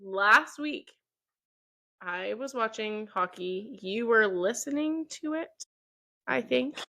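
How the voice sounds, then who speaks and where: A woman's voice: fairly high pitch, lively intonation, takes it slowly, gravelly, sharp tone. A woman in her twenties co-hosting a podcast, easygoing, often answering with "mm-hmm" and "sure.". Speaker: podcast co-host. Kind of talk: casual chat.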